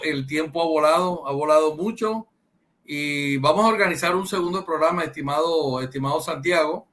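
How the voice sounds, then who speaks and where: A man's voice: on the high side, bright, forceful tone. A man hosting an online program, courteous and formal as he thanks his guest and greets the viewers. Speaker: host.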